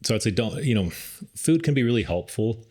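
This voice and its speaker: A man co-hosting a podcast, giving casual advice on dog training, relaxed and rambling with lots of fillers. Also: on the low side, moderate pace.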